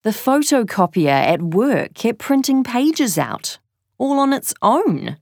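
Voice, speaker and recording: A woman's voice: on the high side, very animated, takes it slowly, no room sound, voice pushed up, heavily acted. Woman voicing chatty dad, light touch, conversational, dry close read. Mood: puzzled. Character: chatty dad telling about his workday.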